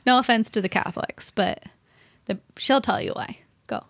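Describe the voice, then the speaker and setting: A woman's voice: on the high side, gravelly, fairly bright tone, no echo. A woman in her late twenties from Los Angeles, co-hosting a podcast in a playful, joking way. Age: late 20s. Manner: playful, quick to joke. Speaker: podcast co-host. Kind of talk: casual chat.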